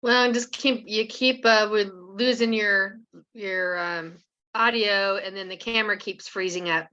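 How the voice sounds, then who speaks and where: A woman taking part in an online class, heard over a video call, talking in a casual, halting way. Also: mid-range voice, steady tone, pushed and bright, lo-fi sound. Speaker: course participant.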